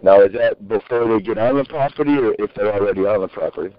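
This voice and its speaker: On a group phone conference call, a man talks fast, casually and bluntly in a lowish voice. The telephone line sounds muffled and tinny.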